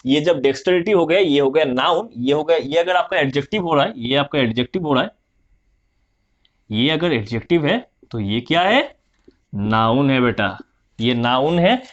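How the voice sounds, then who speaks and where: A man gives a vocabulary lesson, repeating each word and spelling it out slowly, then asking questions and answering them himself. His voice sits a little high, and the recording sounds muffled and lo-fi. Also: animated. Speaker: vocabulary teacher. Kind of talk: Hindi vocabulary lesson, explaining word roots.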